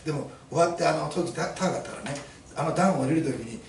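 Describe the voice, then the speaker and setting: Fast, gravelly man preaching a sermon. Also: on the high side, a little mellow, slight background noise. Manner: emphatic, rhetorical questions to the congregation. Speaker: pastor. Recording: echoey room, mic at a distance.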